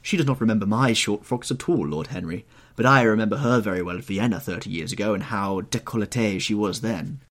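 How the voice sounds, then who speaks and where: A man's voice: on the low side, fairly quick, hardly any pauses, close to an everyday voice. A man voicing a witty, teasing older society lady in an audiobook, exclamatory, arch and playfully scolding. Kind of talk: audiobook character voice.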